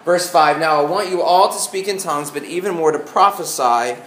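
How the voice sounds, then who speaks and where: Southern preacher from Arkansas, echoey room. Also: male voice, a little high, a bit bright. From Arkansas, United States. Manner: halting, repeats phrase openings, folksy. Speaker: pastor. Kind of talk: informal teaching sermon. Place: indoor room before a congregation. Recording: echoey room, faint background noise.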